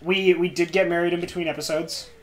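A man's voice: sits high, steady tone, fast talker. Rambling jokey man gaming. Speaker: let's play co-host. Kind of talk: casual gaming banter.

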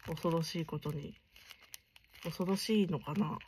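A young woman chatting casually while unboxing stationery gifts, keeping her voice low and gushing softly, sometimes dropping to near whispers. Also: a little slow, noisy background. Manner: soft-spoken, chatty, keeps voice down late at night.

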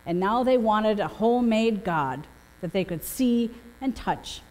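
A middle-aged woman pastor delivers a prepared sermon with storytelling from a church pulpit. Her medium-pitched voice is expressive, unhurried and a little mellow. A gooseneck pulpit microphone captures her in an echoing church hall with long reverb.

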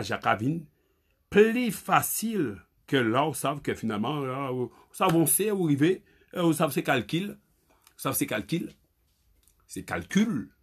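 Husky man teaching spelling, lively pitch. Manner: halting, repeats words, spells letters aloud. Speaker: Creole language teacher. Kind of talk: spoken spelling lesson.

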